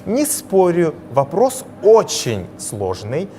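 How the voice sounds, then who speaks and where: A man moderating a TV studio discussion, speaking in hesitant, halting phrases. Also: fairly high pitch, wildly swooping pitch, mellow. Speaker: TV debate moderator. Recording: clearly noisy sound.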